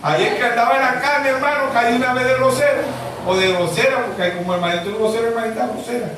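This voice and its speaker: A man preaches in a high voice and keeps asking his congregation to answer "yes or no?" He is recorded from far back in a strongly echoing church. Steady noise runs under the whole recording. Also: fast talker. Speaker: pastor. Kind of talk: evangelical sermon. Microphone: distant mic. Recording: echoey church from far off, noisy.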